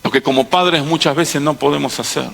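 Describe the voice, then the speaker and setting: Impassioned Rioplatense preacher in a hall. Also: male voice, a little high, fairly quick, creaky. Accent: Rioplatense Spanish. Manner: impassioned preaching, swinging from hushed to loud bursts. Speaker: pastor. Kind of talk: sermon. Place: large auditorium. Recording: long hall reverb.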